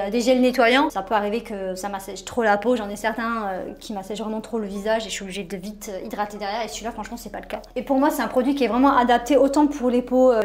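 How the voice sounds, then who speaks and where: A young woman in her twenties vlogging her morning and skincare routine in a casual, chatty way, with many fillers and phrases that trail off softly. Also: a little high. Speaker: beauty vlogger. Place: small echoey bathroom at home.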